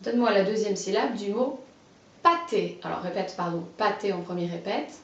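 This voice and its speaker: A woman guiding a child through a phonology lesson, giving clearly pronounced words one at a time and encouraging replies. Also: medium pitch, distant mic. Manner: slow, carefully articulated, encouraging. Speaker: teacher of a phonology exercise. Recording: dull, roomy, off-mic sound.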